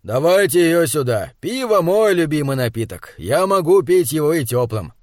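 Guy doing an excitable beer-loving dude, eager and kinda high. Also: moderate pace, no room sound, studio quality. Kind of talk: audiobook character dialogue.

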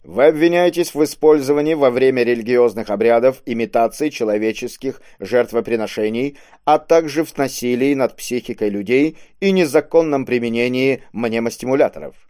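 A man voicing a stern, commanding male police inspector in an audiobook, gruff and scolding. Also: medium pitch, normal speed, hardly any pauses, warm tone, dry recording, studio quality, lightly acted. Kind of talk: audiobook character voice.

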